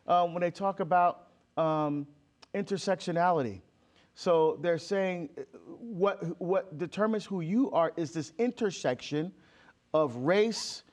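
A man's voice: high-pitched, measured pace, darkish tone. A man from Barbados, a deacon and author, speaking emphatically as an interview guest and acting out quoted exchanges. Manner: emphatic, acts out quoted exchanges, many fillers and restarts. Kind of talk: impassioned conversational interview.

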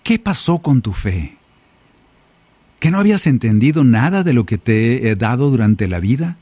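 A man voicing a gentle Jesus, who chides in slow, questioning words. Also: medium pitch, very animated, breathy edge, no room sound. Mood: gently scolding. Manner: scolding softly, slow questioning. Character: gentle male Jesus, chiding and tender. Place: home recording studio.

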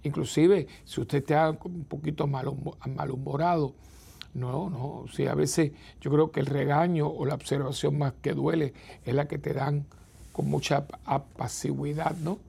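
Man, priest hosting a program, gravelly, dark and mellow tone, reflective conversational chat. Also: on the high side, steady tone. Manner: unhurried and reflective, repeats words and adds tag questions. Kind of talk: conversational talk to viewers.

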